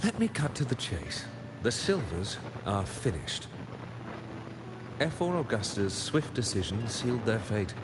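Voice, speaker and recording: A man's voice: fairly low pitch, big pitch swings, measured pace, noisy background. An actor playing a shrewd male manager making a deal, blunt and businesslike. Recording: game audio with music behind.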